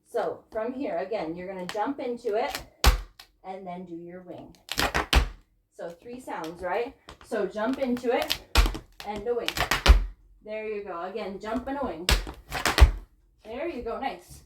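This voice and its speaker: In a dance studio, a woman teaches a tap step, encouraging her students and counting beats aloud while a bit out of breath from dancing. Her medium-pitched voice moves at a measured pace with long pauses. The echoey studio has loud background noise, including tap shoe clicks.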